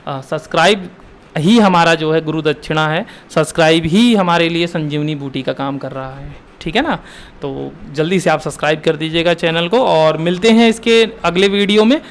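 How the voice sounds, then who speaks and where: A man's voice: a little high, normal speed, a little hiss or hum. A young man teaching an exam-prep Hindi lesson, asking questions and answering them himself, repeating key terms to drill them.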